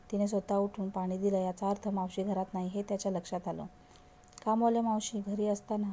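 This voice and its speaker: A woman storyteller reading a story aloud in a measured, even manner. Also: medium pitch. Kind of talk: read-aloud story narration.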